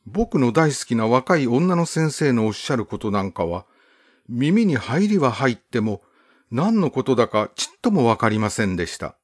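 A man narrates a first-person story for an audiobook with calm, literary, storybook-style pacing, measured and gently expressive. Phrase by phrase, his mid-level pitch climbs and falls a great deal, making the whole reading highly melodic.

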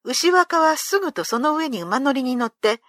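A woman reading an old folk tale aloud as storyteller, in a clear, expressive way. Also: high-pitched, moderate pace, dry recording, clean studio sound.

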